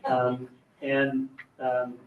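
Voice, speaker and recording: A man's voice: mid-range voice, monotone, extremely slow, narrow, tinny audio, slight background noise. A man chairing a public board meeting, speaking informally and rambling a bit with many fillers. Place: county board meeting room. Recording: echoey meeting room, mic at a distance.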